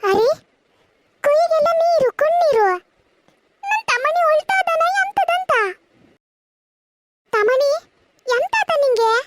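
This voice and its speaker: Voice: very high-pitched, lively intonation, slow, long pauses, no echo, full character voice. A performer voicing a chatty, teasing cartoon schoolboy who coaxes his friend with questions. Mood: coaxing. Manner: chatty, coaxing, keeps asking questions. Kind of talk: cartoon voice acting.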